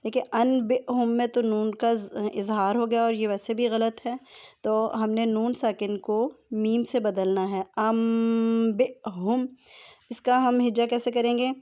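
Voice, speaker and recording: A woman with a slightly high voice gives a recitation lesson, patient and methodical. She spells out letters one at a time with care. The home voice-over sounds dull and lo-fi. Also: level tone, no room sound. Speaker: Quran recitation teacher. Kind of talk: tajweed lesson.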